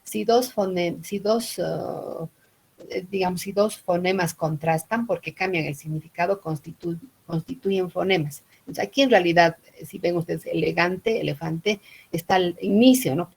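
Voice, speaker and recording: A woman's voice: lowish voice, vocal fry, slightly rough, poor audio. A woman teaching a phonology class, explaining patiently with many "¿no?" tags and fillers. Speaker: linguistics teacher. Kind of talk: online phonology lecture.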